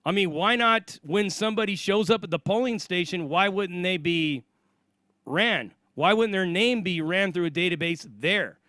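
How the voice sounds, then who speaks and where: Blunt American man, high-pitched voice. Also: normal speed, bright, forceful tone, no room sound, clean studio sound. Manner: blunt, emphatic, profane. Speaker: online commentator. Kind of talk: opinionated casual monologue.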